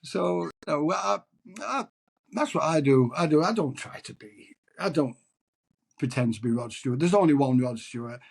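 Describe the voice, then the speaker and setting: The husky voice of a middle-aged Englishman, pitched fairly high, moves at normal speed with lively intonation. He's a tribute singer in a casual interview chat, rambling with restarts and self-deprecating.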